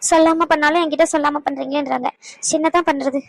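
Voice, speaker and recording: A woman's voice: sits high, steady tone, fast talker, dry recording. An actress playing an anxious young wife who pleads and apologises to her husband. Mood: worried. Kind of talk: Tamil family drama acting.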